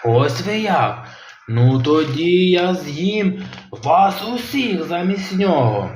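A man voicing a slow, menacing sea monster. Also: high voice, sing-song, a little mellow, slight background noise, pitched above the performer's own voice, full character voice. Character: huge grumpy male sea monster. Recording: roomy, slightly dull home recording.

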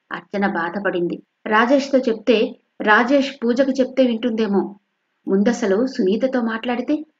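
A woman from coastal Andhra reading an audio novel in a steady, measured narration. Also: a little high. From coastal Andhra, India. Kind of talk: scripted narration. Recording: dull lo-fi recording.

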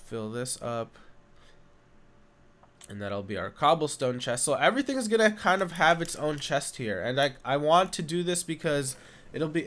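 Sick young man rambling through gameplay. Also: medium pitch. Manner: rambling, filler-heavy, easily excited. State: sick, stuffy nose. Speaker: gaming YouTuber. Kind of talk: casual Minecraft let's play commentary. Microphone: condenser desk mic.

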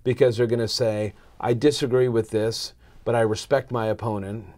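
A middle-aged American man, a marketing consultant guesting on a podcast, speaks at a moderate pace in a steady, darkish, mid-range voice. Earnest and conversational, he voices bits of dialogue during his explanations, recorded with a lapel mic in a small indoor podcast studio.

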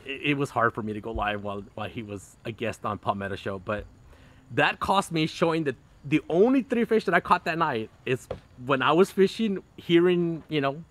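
A middle-aged man talks to his live stream viewers from outdoors, his phone held close. He chats loosely with lots of ums and restarts and breaks into laughter now and then. His voice sits at an ordinary middle pitch for a man. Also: expressive, normal speed, fairly bright tone. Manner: chatty, frequent fillers and restarts, bursts of laughter. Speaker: fishing channel host. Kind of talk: casual live stream chat. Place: outdoors in a backyard under a canopy. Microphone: phone camera close up.

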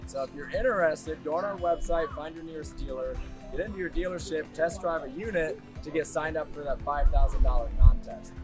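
Upbeat man pitching outdoors with music. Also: brisk. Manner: upbeat, direct calls to action. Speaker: company rep hosting the video. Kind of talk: promotional pitch. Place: outdoor farm show grounds. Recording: music playing behind.

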